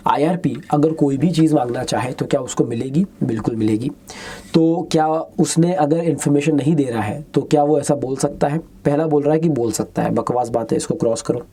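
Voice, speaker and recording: Guy going through exam answers, mellow low-key voice, switches hindi and english, reads questions slow. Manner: Hindi-English mix, reads English questions slowly, chatty asides. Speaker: lecturer. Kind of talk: exam-prep lecture.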